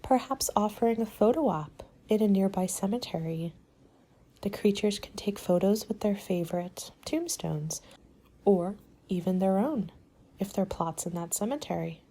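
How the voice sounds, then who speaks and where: Calm and helpful in mood, a woman plays a courteous, helpful party planner in a soft-spoken ASMR roleplay, her medium-pitched voice somewhat animated. She speaks softly and breathily, with a measured, polite, advisory manner.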